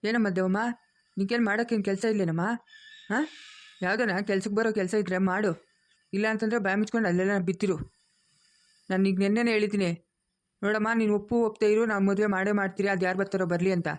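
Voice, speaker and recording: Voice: mid-range voice, fairly even intonation, fast talker, pauses often, lightly acted. A performer voicing a stern elderly grandfather in a cartoon family drama, scolding and commanding.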